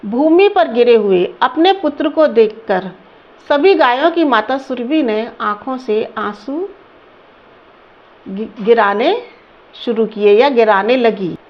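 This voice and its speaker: Slow high-voiced woman teaching a lesson. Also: lively intonation, lo-fi sound. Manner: slow, repeats words and asks the class questions. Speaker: Sanskrit teacher. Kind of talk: line-by-line lesson translation.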